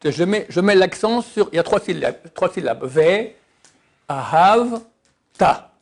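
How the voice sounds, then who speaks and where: A man with a fairly high voice gives a casual religious lesson on pronunciation. He draws out example words slowly, sometimes almost singing them. He drops teasing remarks along the way. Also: vocal fry. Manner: lively, drawn-out demonstrations of words, half-sung. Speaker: religious teacher. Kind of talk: informal lesson on Hebrew pronunciation.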